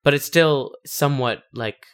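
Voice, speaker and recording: A man's voice: mid-range voice, measured pace, a bit bright, clear, resonant tone. A man co-hosting a casual, conversational commentary on a video game playthrough. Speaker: co-host of a game playthrough discussion.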